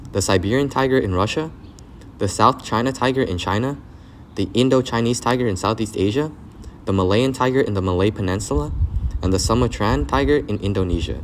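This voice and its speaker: A man reading scripted nature documentary narration. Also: on the low side. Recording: clearly noisy background.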